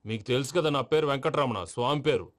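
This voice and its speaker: An actor playing an earnest, insistent entertainer in a film comedy scene. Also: male voice, mid-range voice, quick pace, lightly acted. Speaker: ventriloquist entertainer figure. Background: film score music.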